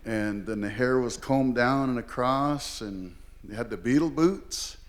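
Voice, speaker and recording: A man's voice: mid-range voice, a little slow, slight background noise. A man in his sixties from Oregon, a language teacher, telling a humorous story live on stage with lots of fillers. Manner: rambling and humorous, heavy with fillers. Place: performing arts hall, live event.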